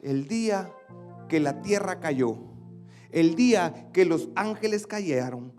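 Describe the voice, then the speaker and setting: A man pastor preaching a sermon dramatically, swinging between loud outbursts and hushed lines. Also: a little high, lively intonation, takes it slowly, soft background music.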